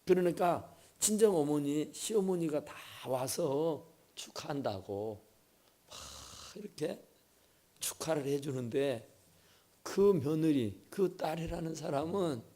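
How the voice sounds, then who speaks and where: A man preaching a sermon in a church, telling a story with sudden swings between loud bursts and hushed asides. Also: a little high, lively intonation, takes it slowly. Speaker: pastor. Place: church sanctuary.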